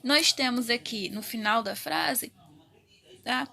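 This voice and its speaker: A woman teacher with a high, bright voice walks young pupils through a recorded grammar lesson. She explains each point step by step and keeps checking in with them as she goes. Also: lively intonation, slow, creaky. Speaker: primary school teacher.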